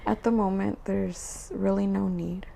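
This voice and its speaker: A woman's voice: mid-range voice, level tone, creaky, warm tone. A woman in her twenties co-hosting a podcast, chatting casually and chiming in agreeably. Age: 20s. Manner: friendly, agreeable, quick supportive interjections. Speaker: podcast co-host. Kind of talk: casual chat.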